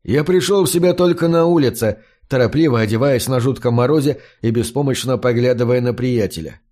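A man narrating a story in the first person in a measured audiobook reading. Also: medium pitch, mellow.

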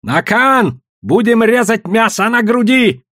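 Guy doing a fat old gambler, shrieks his bets way up high, husky edge, dry sound. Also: huge pitch swings, very slow, no room sound, exaggerated voice. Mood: frantic. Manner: shrill frantic shouting. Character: fat old merchant gambler, reckless, shrill. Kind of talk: audiobook character voice.

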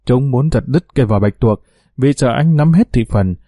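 A man narrating an audiobook story with an even, measured reading. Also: mid-range voice, no echo, clean studio sound.

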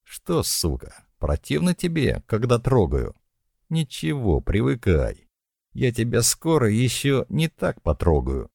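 A man's voice: medium pitch, huge pitch swings, measured pace, gravelly, a little mellow, breathy edge, dry recording, clean studio sound, voice pushed up, full character voice. A man voicing a coarse, menacing male thug who taunts and sneers crudely. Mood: furious.

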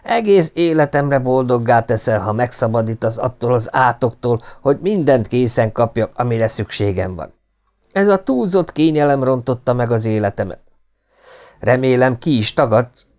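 Male reader as an insolent young aristocrat thief, mocking, gravelly, lively, audiobook. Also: mid-range voice, voice pushed up, lightly acted. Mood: mock-joyful. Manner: cheeky, mocking.

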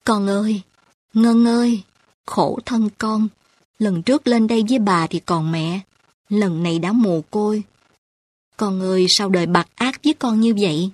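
A sorrowing elderly grandmother from a storybook, crying as she speaks to her orphaned granddaughter. Her voice is husky and breathy, recorded dry and close, as a woman narrator puts her on. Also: medium pitch, measured pace, a little mellow, no room sound, natural voice. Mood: lamenting. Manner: tearful, lamenting. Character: grieving elderly village grandmother.

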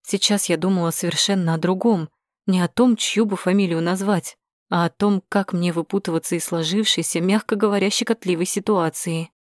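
A woman narrates a first-person detective audiobook in a steady, measured manner. Her voice sits fairly low. The recording is dry and close to the mic. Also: no echo.

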